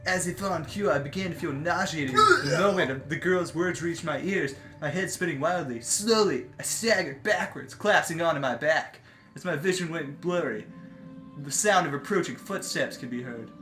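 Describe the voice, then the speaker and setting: A man's voice: on the high side, normal speed. A man casually reading a visual novel aloud with a friend, playful and bantering. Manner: playful, reads narration and bickers over parts. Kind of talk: casual let's-read narration. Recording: echoey room with background music.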